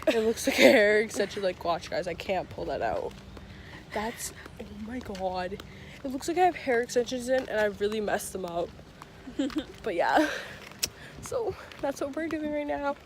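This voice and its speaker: A woman's voice: on the high side, expressive, normal speed, slight background noise. A woman filming a casual vlog on a phone, chatty and full of "like", talking from a car and then a beach walk. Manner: chatty, lots of "like". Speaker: vlogger.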